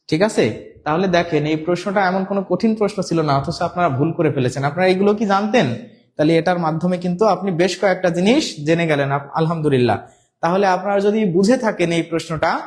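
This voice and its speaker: A man with a fairly high voice teaches a live online class. He explains step by step, repeats each word and spells words out letter by letter. He reads the viewers' comments aloud as he goes. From Bangladesh. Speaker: English teacher.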